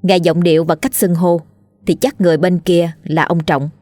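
A woman narrates a scripted horror tale in a lowish, steady, measured voice. The recording is close and dry, with faint music underneath. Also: no echo. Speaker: storyteller.

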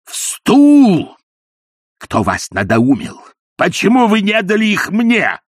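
A man voicing a fussy middle-aged male clerk who bursts into shrill, shouting rage. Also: lively intonation, a little fast, creaky, breathy edge, dry recording, studio quality, full character voice. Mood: furious shouting.

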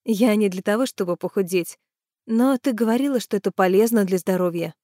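A woman reading voicing a shy, modest young woman who speaks softly. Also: medium pitch, fairly quick, no echo, clean studio sound, lightly acted. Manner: soft, hesitant.

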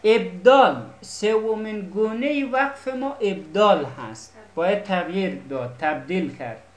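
Speaking at medium pitch with an animated delivery, a female Arabic teacher gives a classroom lesson. She explains things patiently and keeps making sure the students are following, all in a room with noticeable echo.

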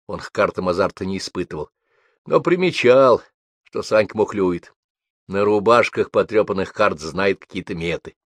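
A man reads a novel aloud in a very deep voice. He keeps a measured, even storytelling pace, and the recording is dry with no room sound. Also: dry recording. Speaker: audiobook reader. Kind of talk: scripted narration of a novel.

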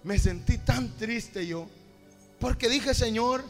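A middle-aged man preaching a fervent sermon as pastor, his voice swelling and rising to shouts. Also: extremely high pitch, takes it slowly, long reverb tail, faint music behind.

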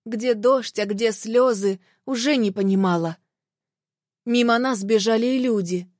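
A woman narrating a first-person audiobook with emotional, expressive delivery. Her voice sits fairly high. The recording is dry and close, with no room echo. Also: unhurried.

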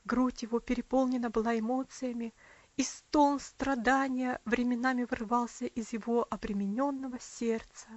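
High-voiced woman reading a story. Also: dry recording. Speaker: audiobook reader. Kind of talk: audiobook narration. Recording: dry, slightly muffled.

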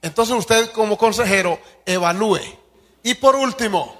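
Husky preaching man in a reverberant hall. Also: sits high, a bit bright. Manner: reads each point slowly, then explains it emphatically and addresses listeners directly; acts out quoted dialogue from counseling cases. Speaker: pastor. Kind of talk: sermon teaching fellow pastors.

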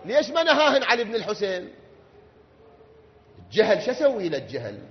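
Iraqi preacher shouting in a reverberant hall. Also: male voice, wildly swooping pitch, brisk, breathy edge. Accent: Iraqi Arabic. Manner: swings from low quiet talk to loud shouted wailing. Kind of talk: Shia mourning sermon from the pulpit. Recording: dull sound, long hall reverb.

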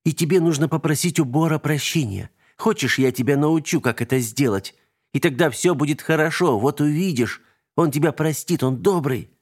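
A man voicing an excited, chattering little girl in a storybook reading. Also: moderate pace, breathy edge. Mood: earnest. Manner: breathless, bubbly, high squeals.

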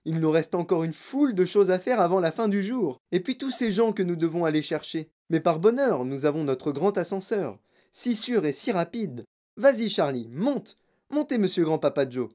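A storybook reader voicing an eccentric, excitable grown man who makes chocolate and talks in delighted exclamations. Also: medium pitch, normal speed, close to an everyday voice. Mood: jubilant.

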